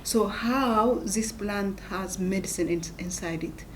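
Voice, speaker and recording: A middle-aged woman with an Ethiopian accent, a plant scientist and professor, giving an earnest talking-head interview in short halting phrases. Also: medium pitch, a little hiss or hum.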